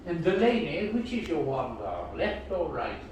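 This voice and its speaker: A man's voice: fairly high pitch, sing-song, normal speed, slight background noise. Theatrical man in an echoey shop. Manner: theatrical, grandly old-fashioned, exclaiming. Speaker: theme park wand shop performer. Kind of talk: theatrical live show patter. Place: indoor wand shop attraction. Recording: distant, very echoey shop filmed on a phone.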